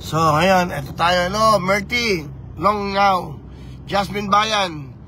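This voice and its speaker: A man chatting on a live vlog from inside a moving vehicle, talking in an animated and preachy way as he mixes languages. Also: sits high, slow, slight background noise. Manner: animated, code-switching, preachy. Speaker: vlogger campaigning for office.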